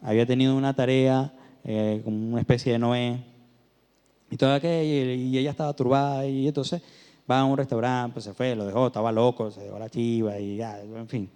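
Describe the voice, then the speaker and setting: A man's voice: medium pitch, little pitch movement, brisk, mellow, clean tone. Man preaching in a reverberant church. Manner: conversational storytelling with rising emphatic peaks. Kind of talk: sermon.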